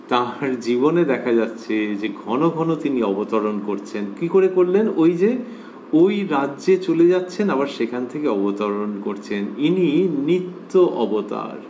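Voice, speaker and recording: A man lecturing on scripture in a measured, reflective devotional talk, repeating key phrases and pausing with drawn-out fillers. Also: fairly high pitch, a little mellow, slight background noise.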